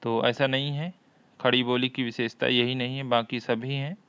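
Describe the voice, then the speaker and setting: A man teaching a Hindi exam-prep lesson, reading each question aloud, often twice, and explaining the answer deliberately. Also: medium pitch, flat delivery, a bit bright, clear, resonant tone, dry recording, muffled recording.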